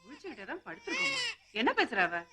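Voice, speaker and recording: An actress playing an older matriarch of a farm family who wails and scolds over a crying child. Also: female voice, very high-pitched, huge pitch swings, quick pace, a crowd in the background, exaggerated voice. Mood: distressed. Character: anxious grandmother, matriarch of a farm household.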